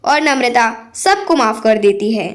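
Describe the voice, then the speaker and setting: A woman narrating a family moral story in a steady, plain way. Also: a little high, a little slow.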